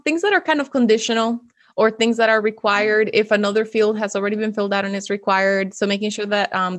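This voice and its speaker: A woman's voice: mid-range voice, no room sound. Dry-sounding Venezuelan-born woman guest. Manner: friendly, laughs often, explains clearly. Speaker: guest, web developer. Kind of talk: casual interview. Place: home room. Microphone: close studio mic with pop filter.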